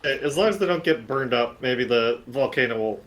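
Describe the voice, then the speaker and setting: A man's voice: mid-range voice, expressive, brisk, a bit bright, a little hiss or hum. A man playing in a tabletop game, talking in an offhand, joking way. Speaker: player. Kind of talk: casual tabletop game chat.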